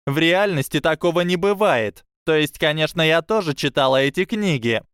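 A man's voice: a little high, animated, normal speed, a bit bright, smooth, no echo, studio quality, voice pushed up. A man voicing a shaken but indignant schoolgirl witch who speaks emphatically.

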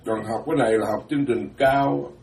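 Blunt-spoken monk in a roomy hall. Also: male voice, medium pitch, steady tone, vocal fry, a little mellow. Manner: blunt, plain-spoken, switches between quick and slow emphatic phrasing. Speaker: Buddhist monk lecturer. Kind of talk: dharma talk. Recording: roomy, distant mic.

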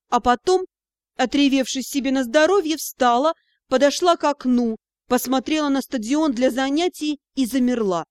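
High-voiced woman narrating an audiobook. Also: no echo, clean studio sound. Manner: expressive storytelling with acted dialogue. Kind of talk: scripted first-person narration.

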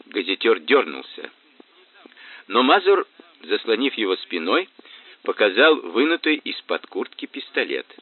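A man narrating an audiobook with a lively, expressive reading. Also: on the low side, measured pace, slightly rough. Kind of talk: scripted narration. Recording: tinny phone-like band, dry.

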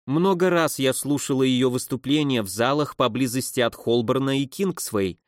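A man's voice: medium pitch, normal speed, no echo, clean studio sound, natural voice. Man doing a timid, gushing old spinster. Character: timid, effusive elderly spinster woman.

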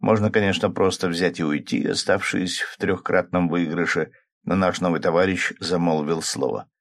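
Narrating a first-person audiobook at a moderate pace, a man keeps a calm manner and alters his pitch a little for each character.

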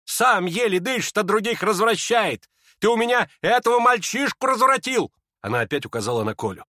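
A man's voice: high voice, big pitch swings, a little fast, pushed and bright, dry recording, studio quality, voice pushed up, full character voice. A man reading an audiobook and voicing a hot-tempered older woman who scolds shrilly and indignantly. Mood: furious.

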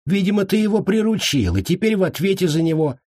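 A man voicing a smug, joking fat monk in an audiobook, his voice husky and lively. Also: mid-range voice, normal speed, no room sound, studio quality, pitched above the performer's own voice. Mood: smug, teasing. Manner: mocking, self-satisfied.

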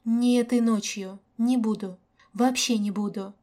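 A woman's voice: a little high, steady tone, unhurried, mellow, close to an everyday voice. Woman voicing a tearful, pleading young woman. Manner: pleading, on the verge of tears.

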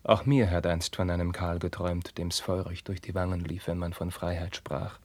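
An actor playing a young prince torn by forbidden love, declaiming classical verse with passion and dropping into hushed whispers. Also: male voice, sits low, flat delivery, moderate pace, dry recording. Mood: wistful. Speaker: actor in a radio play. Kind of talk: classical verse radio drama.

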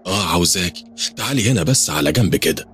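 A man with an Egyptian accent voices a strange veiled woman who insists, in an ominous, matter-of-fact way, that she sees spirits around people. His low-pitched voice is expressive, quick and a bit bright.

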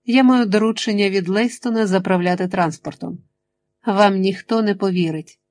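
A woman voicing a menacing, controlling male chemist in an audiobook, speaking slowly and insistently. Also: mid-range voice, steady tone, darkish tone, close to an everyday voice. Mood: threatening. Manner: slow, insistent, threatening.

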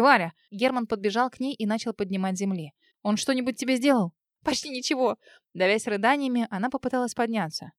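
A woman's voice: a little high, no room sound, clean studio sound. Woman narrating an audiobook. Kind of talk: scripted narration.

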